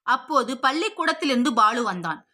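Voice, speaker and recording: A woman narrating a story in a steady, expressive, scripted storytelling voice. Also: on the high side, brisk. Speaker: audiobook narrator.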